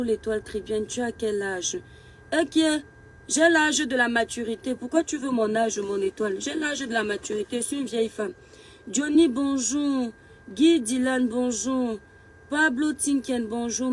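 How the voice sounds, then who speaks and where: A fairly high-pitched woman hosting a casual live stream, calling out viewer names one after another with affectionate greetings. Her voice comes through a phone or webcam mic, with a faint hiss of background noise.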